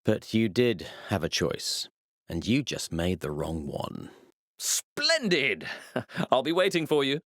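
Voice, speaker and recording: A man's voice: fairly low pitch, huge pitch swings, slow pace, fairly bright tone, dry recording, clean studio sound, full character voice. A man playing an arrogant mad-scientist villain in a video game, speaking with precise, theatrical, pompous menace. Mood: smug, mocking. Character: the Baron, arrogant male mad-scientist villain, cold and gloating.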